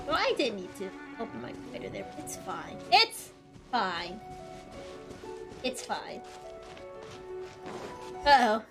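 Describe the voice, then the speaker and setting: High-voiced, playful woman streaming games. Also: sing-song, takes it slowly, pauses often, over music. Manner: playful, mouthy trash talk. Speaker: game streamer. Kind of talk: casual gaming commentary.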